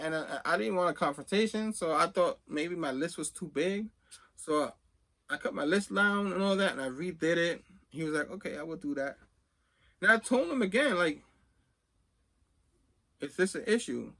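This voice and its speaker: High-pitched and pushed bright, the voice belongs to a middle-aged comics collecting video host casually recounting a personal story, wandering conversationally and performing remembered lines of dialogue.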